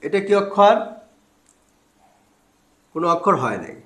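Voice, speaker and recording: Male Quran reading teacher, slow and patient question-and-answer drills, stretched syllables, high voice. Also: big pitch swings, sharp tone, echoey room. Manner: asks questions and answers them himself, drawing out syllables. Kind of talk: step-by-step lesson.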